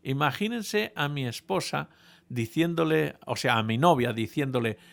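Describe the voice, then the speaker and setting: Gravelly-voiced man telling a playful sermon story. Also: a little high, normal speed. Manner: playful, animated storytelling with many restarts. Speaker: preacher.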